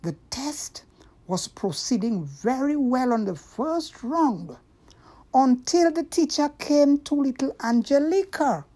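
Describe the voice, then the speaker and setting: Slow, high-voiced woman telling children's stories. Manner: deliberate, expressive delivery addressed to children. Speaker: children's storyteller. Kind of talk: scripted story narration for children.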